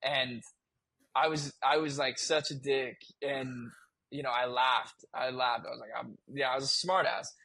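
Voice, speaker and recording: Gravelly man telling a candid story. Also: medium pitch, flat delivery, measured pace, sharp tone, dry recording. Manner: candid, swears freely, frequent restarts. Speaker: podcast guest. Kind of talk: casual storytelling chat.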